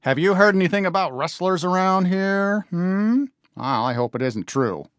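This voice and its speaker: A man voicing a friendly toy cowboy sheriff for a video game, with an American accent and a folksy, eager, expressive drawl. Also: high-pitched, normal speed, dry recording, studio quality. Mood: warm, cheerful. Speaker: video game character greeting players. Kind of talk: animated game voice lines.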